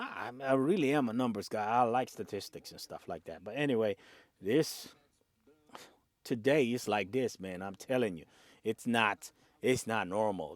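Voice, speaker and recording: A man who drives his own truck, talking casually and excitably through auction prices, often saying "man" and chuckling. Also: mid-range voice, no room sound. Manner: animated, excitable, peppers talk with "man" and chuckles. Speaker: owner-operator truck driver.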